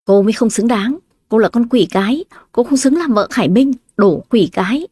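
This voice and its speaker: Brief: shrill whiny schemer, young woman, dry close sound, read by a woman narrator. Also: lively intonation, moderate pace, dark tone, breathy edge, no room sound. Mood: indignant. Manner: whining, shrill when pleading.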